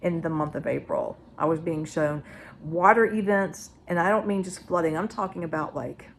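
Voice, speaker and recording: Rambling low-voiced woman vlogger. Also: normal speed, creaky, slight background noise. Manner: rambling, loose and conversational. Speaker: psychic vlogger. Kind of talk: casual spoken predictions.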